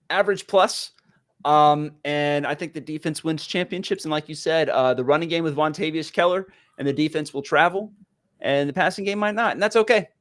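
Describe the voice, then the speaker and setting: Folksy excitable man, higher voice. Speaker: podcast co-host. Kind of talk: casual sports talk.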